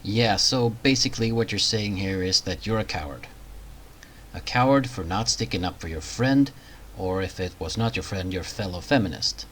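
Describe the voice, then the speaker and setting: A man's voice: deep voice, moderate pace, a bit bright, slight background noise, rough recording. A man hosting a reaction commentary video, talking in a sarcastic, mocking way.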